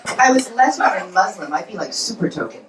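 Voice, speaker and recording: In a New York comedy club, a woman in her forties performs stand-up, telling punchy self-deprecating stories at a medium pitch with animated, quick delivery. The recording is very noisy, with roomy club sound picked up from far off.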